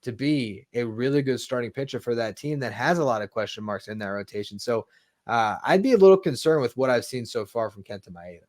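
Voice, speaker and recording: A man's voice: medium pitch, expressive, fairly quick, darkish tone, no room sound, studio quality. A man co-hosting a sports talk show, speaking conversationally with stammering repeats. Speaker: podcast co-host.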